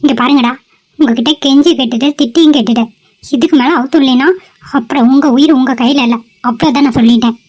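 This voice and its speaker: A woman's voice: high-pitched, steady tone, fast talker, a little mellow. A woman voicing a captive young woman who pleads and threatens her kidnappers, in a cartoon. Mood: defiant. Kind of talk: cartoon voice acting.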